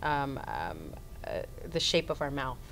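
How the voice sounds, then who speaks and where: A woman from Florida with a Haitian family, a stage actor talking casually in an interview and pausing often with many ums. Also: very deep voice, very animated, a bit bright, a little hiss or hum, poor audio. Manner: hesitant, many ums, idealistic.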